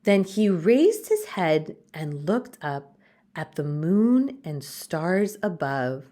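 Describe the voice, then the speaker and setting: Slow, expressive woman storyteller. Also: on the low side. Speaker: storyteller reading to children. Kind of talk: expressive scripted storybook narration.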